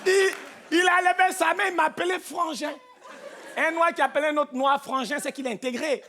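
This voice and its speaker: Stand-up comic, man, Cameroonian French accent, very high voice, teasing punchy delivery, faint crowd laughter behind. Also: steady tone, brisk, bright, forceful tone. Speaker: stand-up comedian. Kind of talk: live stand-up comedy. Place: theatre stage before a live audience.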